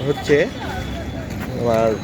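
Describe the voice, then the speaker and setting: A man with a Bengali accent, chatting casually and haltingly as a travel vlogger outdoors by a road and in a forest. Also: fairly even intonation. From West Bengal, India. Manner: chatty, halting, lowers voice to stay quiet. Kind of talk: casual vlog narration. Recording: outdoor noise behind.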